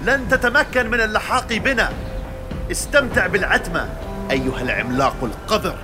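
A spirited, crafty adventurer, played by a man in a children's audio story. The voice is high for a man and swings theatrically, declaiming over a music bed. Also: lively intonation, fairly quick. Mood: taunting. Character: cunning, spirited adventurer sailor, male hero.

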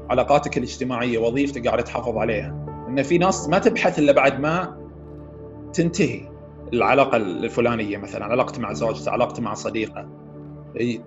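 A man, a psychiatrist guest who explains patiently with everyday examples and frequent pauses to find the word. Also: medium pitch, highs cut off, over music. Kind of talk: casual expert explanation.

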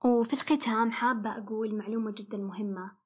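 Fast, husky woman host. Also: a little high, steady tone. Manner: reflective, advice-giving, frequent restarts. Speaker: podcast host. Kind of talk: solo advice podcast talk.

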